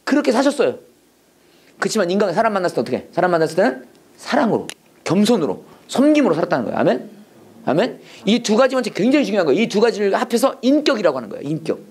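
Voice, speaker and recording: A man's voice: sits high, very animated, rapid-fire, darkish tone, husky. A middle-aged man teaching a Bible and English class, lecturing emphatically and leading students in call-and-response repetition. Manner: emphatic, preachy, drills phrases for repeating.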